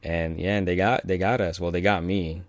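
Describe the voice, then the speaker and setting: Low-voiced guy from california rambling thru a story, lots of ums and chuckles, dry sound. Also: fairly even intonation, normal speed, no echo. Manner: rambling, many fillers and restarts, chuckles often. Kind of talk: casual personal anecdote.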